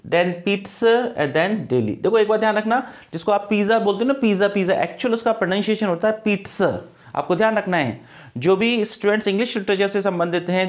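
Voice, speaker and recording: A high-pitched man with an Indian accent teaches English grammar for exam preparation, switching between Hindi and English. He poses questions to his class, answers them himself, and runs pronunciation drills.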